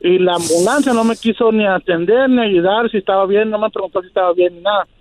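A man calling a radio show who tells his story plainly, with halting restarts. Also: high voice, a little hiss or hum. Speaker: caller. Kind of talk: phone call to radio show. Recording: tinny phone line.

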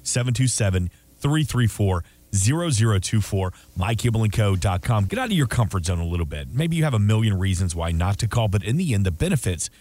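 A man's voice: on the low side, sing-song, fairly quick, darkish tone. A man hosting a radio show, reading plugs and asking questions in an upbeat, salesy way. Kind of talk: radio host patter and ad reads.

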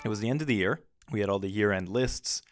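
A man's voice: lowish voice, fast, faint music behind. A man co-hosting a podcast, chatting casually with a dry, wry manner and reading old archive clips aloud. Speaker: podcast co-host.

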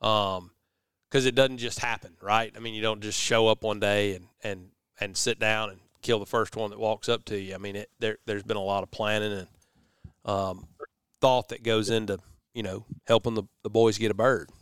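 A man's voice: fairly low pitch, steady tone, normal speed, a bit bright, clear, resonant tone, no echo, clean studio sound. A man hosting a podcast in a casual, conversational style, talking in a folksy, rambling way. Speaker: podcast host. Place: warehouse.

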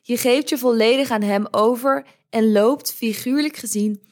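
A woman hosting a podcast, reading a devotional in a gentle, measured way. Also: fairly high pitch. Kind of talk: calm scripted devotional reading.

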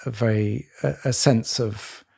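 A man co-hosting a podcast, talking reflectively in a halting, searching way with many restarts. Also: lowish voice, steady tone, vocal fry, darkish tone, breathy edge. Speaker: podcast co-host. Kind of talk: reflective conversation.

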